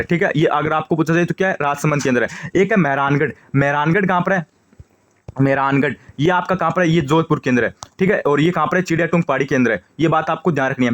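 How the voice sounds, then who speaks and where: A young man from Rajasthan, teaching an online exam-prep lesson and drilling questions and answers rapidly, repeating each answer. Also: on the high side. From Shekhawati, Rajasthan.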